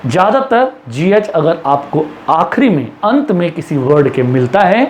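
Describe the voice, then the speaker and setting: A man teaching English pronunciation in a classroom-style lesson, with an Indian English accent, asking rhetorical questions and drawing out the example words slowly. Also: a little high, big pitch swings, slight background noise. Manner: slow drawn-out English examples, brisk Hindi explanations, lots of rhetorical questions.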